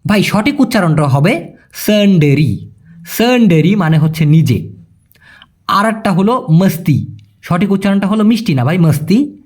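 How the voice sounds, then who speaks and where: Man, young adult, Bangladeshi accent, casual language lesson, chatty, very animated. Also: high voice, normal speed. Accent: Bangladeshi Bengali. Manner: chatty, addresses viewers as brother, checks understanding. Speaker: language teacher.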